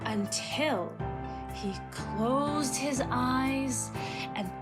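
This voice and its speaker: A woman narrates a children's fable very slowly and calmly, her voice fairly high. Loud music plays under her telling. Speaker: storyteller.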